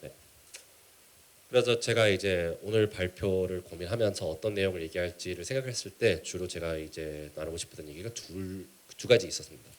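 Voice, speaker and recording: Deep-voiced Korean-American man presenting. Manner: halting, measured, with English business terms mixed in. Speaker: keynote speaker, startup mentor. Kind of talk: conference presentation.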